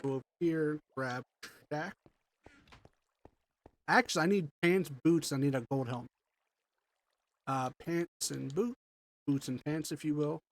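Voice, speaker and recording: Long pauses break up the measured speech of a man with a fairly high voice. He's streaming a block-building game, congested from allergies, and rambles casually as he thinks through his builds.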